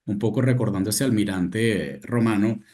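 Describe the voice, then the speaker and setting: Man giving a lively seminar talk. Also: fairly low pitch, normal speed. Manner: retells scenes with lively quoted asides, many restarts. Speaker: lecturer at a seminar.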